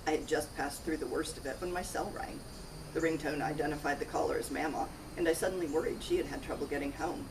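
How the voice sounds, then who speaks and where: In audiobook-style first-person narration, an author reads from her cozy mystery novel in a voice that sits low, with fairly even intonation and a quick pace. Captured on a distant mic, the clip is noisy with outdoor sounds, birds and crickets.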